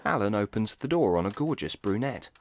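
A man's voice: fairly low pitch, very animated, fairly quick, slight background noise. A man giving scripted audio description narration of what happens on screen.

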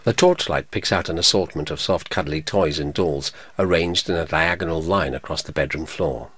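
A man narrating an audio description in a measured, neutral manner. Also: extremely low pitch, fairly bright tone, slightly rough. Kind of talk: scripted narration.

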